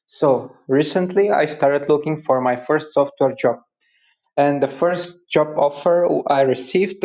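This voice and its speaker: Slow caller on a lo-fi line. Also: male voice, mid-range voice, a little mellow. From Bulgaria. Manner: careful, hesitant, with fillers. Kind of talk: recorded voicemail question. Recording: dull lo-fi call recording.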